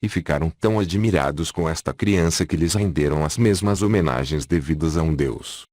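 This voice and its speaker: A man narrating an audiobook in a measured, solemn reading style. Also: rumbling low, darkish tone, no room sound, clean studio sound. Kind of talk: scripted narration.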